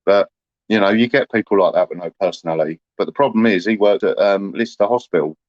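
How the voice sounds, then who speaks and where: A man's voice: on the low side, fast talker, no echo, lo-fi sound. A man, chatting casually to livestream viewers in a rambling, aggrieved way, full of "you know".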